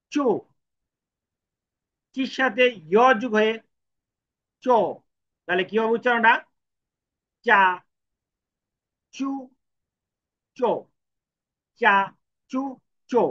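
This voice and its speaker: A man's voice: high voice, pushed and bright. A man teaching a language lesson, patiently asking and answering his own questions and repeating each syllable three times. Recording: dull lo-fi sound.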